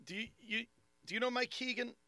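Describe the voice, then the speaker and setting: High-pitched man with thick Long Island accent. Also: fairly even intonation, pushed and bright, no room sound. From Long Island, New York. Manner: halting, repeats phrases, acts out dialogue. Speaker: comedian. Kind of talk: casual comic storytelling among friends.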